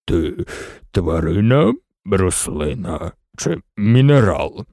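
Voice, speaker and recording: A man voicing a sleepy, lazy lion who yawns and growls in a deep bass. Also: sing-song, mellow, dry recording, clean studio sound, heavily acted. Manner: yawning, slow and drowsy, growling.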